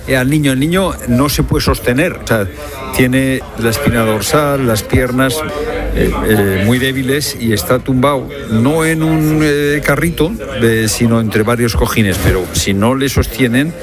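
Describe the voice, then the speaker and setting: Lively male field reporter, chatty, live from a crowded shelter. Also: medium pitch, a little slow. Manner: lively, chatty, greets people warmly. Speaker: radio reporter. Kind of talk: on-site radio report. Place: busy shelter indoors. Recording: loud crowd noise behind.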